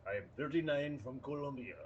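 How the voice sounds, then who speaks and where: A man in his fifties from Wisconsin chats in a relaxed, joking, slangy way. The recording is a bit muffled, with a faint hiss in the background. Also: medium pitch, a little fast. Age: 50s. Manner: laid-back, joking, slangy. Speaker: podcast co-host. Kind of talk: casual chat.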